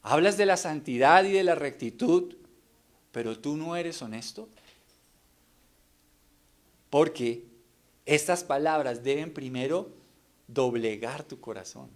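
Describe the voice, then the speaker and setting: A man's voice: on the high side, lively intonation, slow pace, pauses often. A middle-aged man preaching an earnest sermon, pressing the congregation with rhetorical questions.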